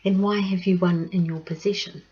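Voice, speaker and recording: A woman playing a teasing, mock-polite detective going through evidence in a soft ASMR role-play. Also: on the low side, steady tone, a little fast, muffled recording, close to an everyday voice.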